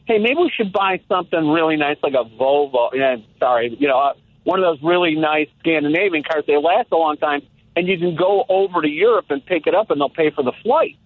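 Fairly high-pitched and fairly quick, this sixty-something man phones in to a talk show for a casual, reflective chat full of restarts. The tinny line carries no room sound.

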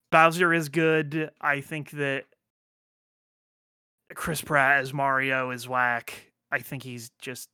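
A man's voice: mid-range voice, sharp tone, clear, resonant tone, no room sound, studio quality. A man hosting a podcast in casual chat, rambling with lots of fillers, restarts and offhand swearing. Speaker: podcast host.

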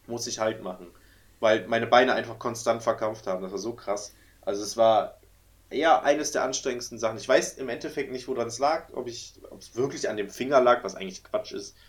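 A man from Germany telling a story in a casual podcast chat, acting out the voices in it. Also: medium pitch. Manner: animated, acts out voices in his stories.

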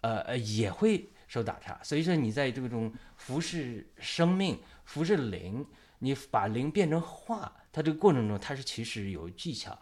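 A man's voice: medium pitch, very animated, moderate pace, a little mellow. A man hosting a casual church discussion, talking in long rambling stretches full of fillers and restarts. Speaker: host of a church talk show.

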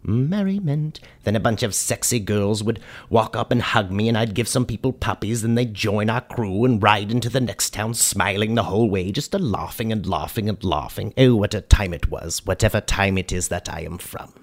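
An actor playing a goofy, cheerful ghost of a warlord in a comedy radio sketch, talking in a whimsical, rambling way. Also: male voice, fairly low pitch, moderate pace. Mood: jolly. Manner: whimsical, rambling, sing-song.

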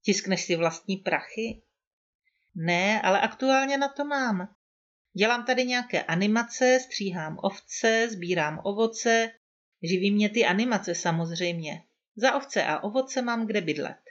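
A woman's voice: medium pitch, animated, lo-fi sound, lightly acted. A woman reading the part of a carefree young adult son who talks back to his mother in a breezy, persuasive way.

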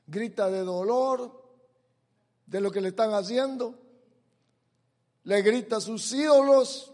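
A man preaching a sermon, swinging from quiet asides to loud, forceful declarations. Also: high-pitched, slow pace, long reverb tail. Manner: dramatic swings from soft to shouted.

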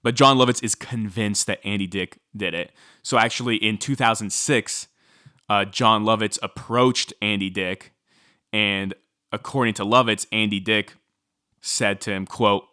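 A man's voice: lowish voice, measured pace, dry recording, studio quality. A man casually recounting a true-crime story as podcast co-host, chatty with many fillers. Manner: chatty, filler-heavy, animated when quoting.

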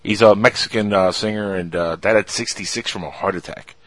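A man's voice: lowish voice, fairly even intonation, brisk, fairly bright tone, no echo. A man co-hosting a casual talk show, telling things earnestly with many fillers. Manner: earnest, filler-heavy storytelling. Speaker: co-host. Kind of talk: casual podcast chat.

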